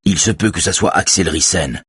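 A man's voice: low voice, moderate pace, fairly bright tone, slightly rough, no echo, clean studio sound, heavily acted. A man reading an audiobook and voicing a male bodyguard who speaks in a matter-of-fact way.

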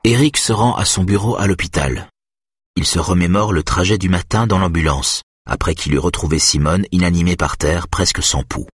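A man reading a suspense novel aloud in measured, even narration. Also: deep voice, breathy edge, no echo, clean studio sound. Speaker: audiobook narrator. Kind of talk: scripted narration.

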